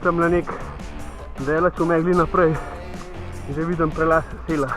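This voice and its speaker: Slovenian cyclist vlogging on mountain passes. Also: male voice, a little high, level tone, normal speed, over music. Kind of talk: casual vlog narration while riding.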